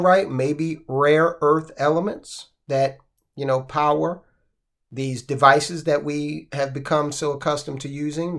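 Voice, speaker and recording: A man from the United States hosting a finance channel, talking casually about the news with asides and rhetorical questions. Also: mid-range voice. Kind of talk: casual commentary.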